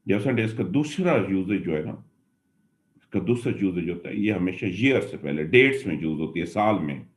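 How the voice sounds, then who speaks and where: Animated man teaching English grammar. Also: low voice, moderate pace. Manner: explains patiently, repeats points, addresses listener as dear student; mixes Hindi and English mid-sentence. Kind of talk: classroom lecture.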